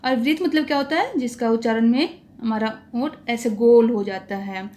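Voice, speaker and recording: A woman's voice: on the high side, moderate pace, dark tone. A woman teaching a grammar lesson to exam students, explaining patiently and saying each vowel sound aloud for listeners to repeat.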